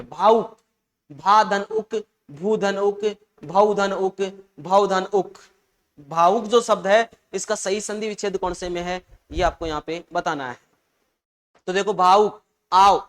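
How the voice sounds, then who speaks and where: A man's voice: high voice, a bit bright. A man teaching an exam-prep lesson, chatty and often calling listeners "saahab" and "bhai".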